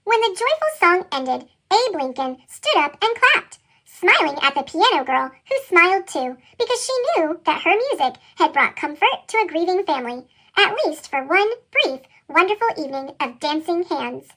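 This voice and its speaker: Squeaky chipmunk-filtered storybook narrator. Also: big pitch swings, moderate pace, bright, forceful tone. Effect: sped-up, high-pitched chipmunk voice filter. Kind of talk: scripted picture-book read-aloud.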